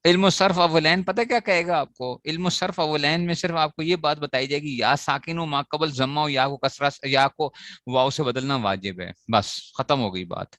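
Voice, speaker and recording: A man's voice: a little high, moderate pace, fairly bright tone, no echo. A man teaching a grammar lesson to students, asking questions and answering them himself as he repeats the key points. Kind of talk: classroom lecture on Arabic grammar.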